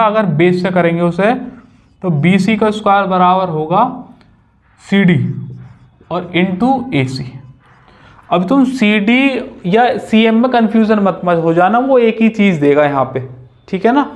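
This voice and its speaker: A young man teaching a maths lesson at a whiteboard, chatty and casual, joking with his students. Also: high-pitched.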